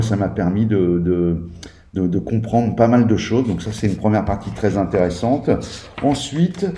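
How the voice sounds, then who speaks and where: A man's voice: lowish voice, dark tone. A man reviewing a tabletop game book in a casual, hesitant way, with many fillers and restarts. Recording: echoey room.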